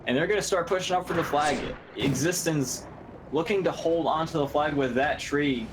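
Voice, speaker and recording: A man giving quick, energetic play-by-play commentary on an online game match, laughing easily, with game gunfire going on behind him. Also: fairly high pitch, background noise. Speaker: esports commentator. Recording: game gunfire loud in the background.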